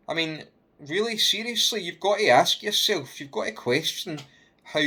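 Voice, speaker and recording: A man from Scotland, UK, rants unscripted about his personal opinion, halting as he goes, repeating himself and putting questions straight to the listener. His voice is medium-pitched with a sharp tone.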